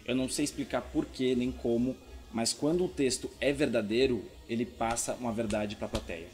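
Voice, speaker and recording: A man's voice: medium pitch, fairly even intonation, moderate pace, darkish tone. A man with a Brazilian accent, a comedian explaining things casually in an interview, repeating words for emphasis. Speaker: stand-up comedian being interviewed.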